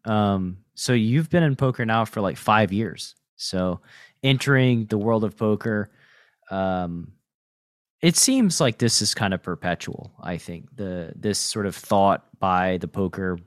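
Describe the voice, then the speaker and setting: Low-voiced man hosting a podcast, dry sound. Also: a little slow, no room sound. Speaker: podcast host. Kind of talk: conversational podcast interview.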